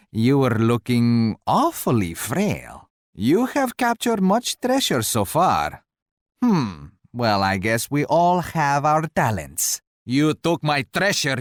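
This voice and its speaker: A male actor playing an arrogant, mocking Portuguese royal conqueror in a video game, speaking in a haughty, theatrical, deliberate way. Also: mid-range voice, no room sound, studio quality. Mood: sly taunting. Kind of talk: scripted video game taunts.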